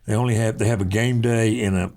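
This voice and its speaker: A man's voice: lowish voice, fairly even intonation, fast talker, creaky, a little mellow, slight background noise. A man, a former football player telling self-deprecating stories as a guest and laughing often. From Lubbock, Texas. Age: 70s. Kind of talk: casual chat.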